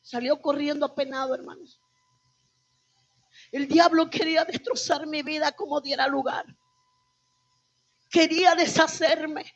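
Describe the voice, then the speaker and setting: A woman's voice: high-pitched, fairly even intonation, unhurried, long pauses. A woman pastor telling her testimony to a congregation, emotional and calling them brothers. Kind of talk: testimony sermon. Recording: dull lo-fi church recording.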